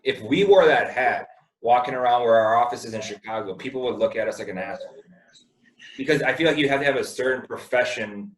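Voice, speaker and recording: A man's voice: medium pitch, a little fast, reverberant, rough recording. A man from Indiana hosting a podcast, joking, rambling and swearing casually. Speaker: podcast host.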